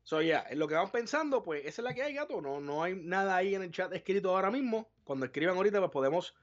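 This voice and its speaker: A man co-hosting a live podcast, animated and profane, acting out his reactions. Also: high voice, quick pace, muffled recording. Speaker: podcast co-host. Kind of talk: casual live podcast chat.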